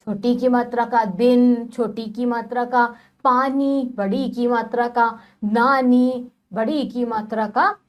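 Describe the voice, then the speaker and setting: A woman's voice: fairly high pitch, a little mellow. A woman teaching a children's lesson, talking to the children directly in a sing-song way and spelling words out sound by sound. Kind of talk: children's Hindi lesson on vowel signs.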